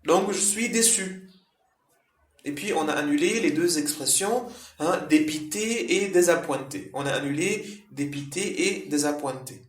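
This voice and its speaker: A man explaining French vocabulary to learners, slow and repetitive, with many fillers and checks of understanding. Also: on the high side, roomy sound. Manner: slow, repetitive explaining with frequent "hein" and "euh". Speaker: French teacher.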